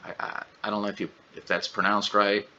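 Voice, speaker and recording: A man's voice: fairly low pitch, flat delivery, a little fast, sharp tone. A man, casually joking and exclaiming through flight simulator commentary. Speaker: gaming channel host. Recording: dull lo-fi audio, faint ambience.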